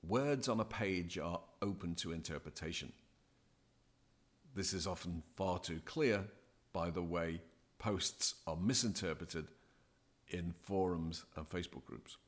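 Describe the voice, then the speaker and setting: A man speaking as a podcast guest, giving deliberate, emphatic advice as a DJ coach. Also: low voice. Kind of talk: measured, scripted-sounding advice.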